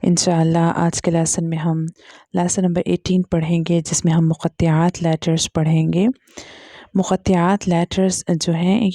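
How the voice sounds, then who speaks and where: A woman's voice: lowish voice, creaky, mellow, no room sound, studio quality. A woman teaching Quran reading, patiently drawing out and demonstrating each letter in a step-by-step lesson with an Urdu-Hindi accent. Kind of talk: slow step-by-step recitation lesson.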